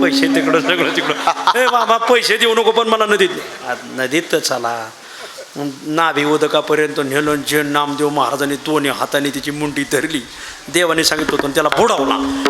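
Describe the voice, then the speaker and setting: A male kirtan preacher telling a saint's story as a sermon, folksy and joking with a live audience in a large hall. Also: a little high. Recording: echoey hall with loud ambient noise.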